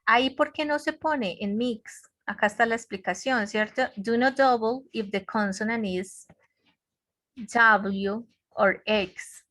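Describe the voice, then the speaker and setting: Woman teacher, unhurried online grammar lesson, patient repeated explanations, dry close sound. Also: on the high side, fairly bright tone, no echo. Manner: patient, repetitive explaining with frequent check-ins. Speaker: English teacher. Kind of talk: online class lecture. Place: home office on a web conference.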